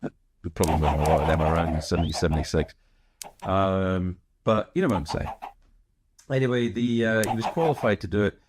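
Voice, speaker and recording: A man with a light Scottish accent, softened by years in America, answering viewer questions in a rambling, digressive chat full of fillers and restarts. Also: sits low, a little fast, noisy background. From Scotland. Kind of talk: casual chat.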